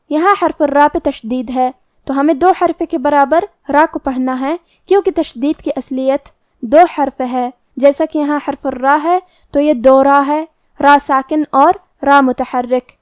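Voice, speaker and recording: A woman teaching Quran recitation rules, explaining each letter and rule calmly and step by step. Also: high voice, no room sound, studio quality. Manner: calm, methodical step-by-step explanation. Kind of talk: explaining tajweed rules in Urdu.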